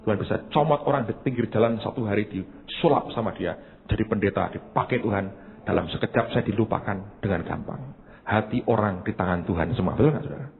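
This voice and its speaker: A middle-aged pastor with a Javanese accent preaches, telling stories and throwing emphatic asides to his congregation, his voice lowish and fairly quick. The sound is echoey as in a hall, narrow like a phone, with faint hiss.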